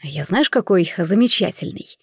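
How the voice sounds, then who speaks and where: A woman's voice: on the low side, lively intonation, normal speed, slightly rough, no room sound, clean studio sound. A woman reading the lines of a playful, mocking young nobleman in a story. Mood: teasing. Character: teasing charming young nobleman.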